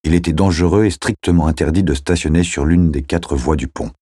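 A man reading a novel aloud as narrator in a measured, steady way. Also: very deep voice, breathy edge, no room sound, studio quality. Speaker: audiobook narrator. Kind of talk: scripted narration.

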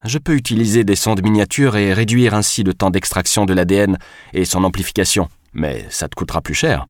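A man's voice: low voice, a little fast, dry recording, clean studio sound, pitched above the performer's own voice, natural voice. A male narrator voicing a small, sturdy, gray-haired woman who runs a lab, cheerful and teasing. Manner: jovial, teasing.

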